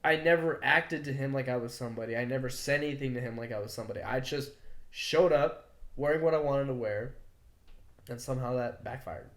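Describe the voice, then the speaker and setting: A young man co-hosts a podcast. He tells a story in loose, heated casual talk, full of swearing and "like" fillers. His voice sits at an ordinary pitch and echoes around a roomy space. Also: a little fast, a bit bright. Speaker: podcast co-host. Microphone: podcast mic. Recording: roomy echo.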